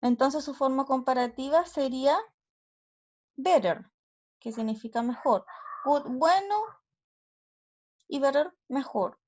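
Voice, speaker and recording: A woman teacher with a Chilean Spanish accent explains grammar rules slowly and carefully, checking in with her students. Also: high voice, animated, darkish tone. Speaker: English teacher. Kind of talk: recorded online grammar lesson. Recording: slightly dull lo-fi audio.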